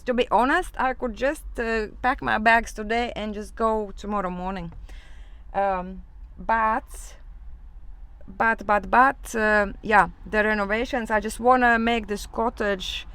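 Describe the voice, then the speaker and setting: Rambling woman from Latvia with a smooth voice. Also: mid-range voice, steady tone, a little slow, a bit bright. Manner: rambling, full of fillers and restarts. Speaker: vlogger. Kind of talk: casual talk to camera.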